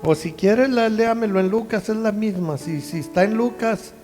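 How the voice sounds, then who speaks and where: High-voiced man preaching conversationally. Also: moderate pace, a little mellow, long reverb tail, soft background music. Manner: conversational preaching with many rhetorical questions. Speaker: pastor. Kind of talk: sermon.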